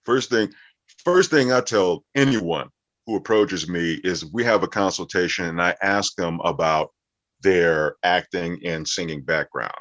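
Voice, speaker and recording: Here a voiceover actor and coach chats as an interview guest, fielding questions in a low, fairly bright voice at a slightly slow pace. The audio is muffled and dull, with a roomy echo.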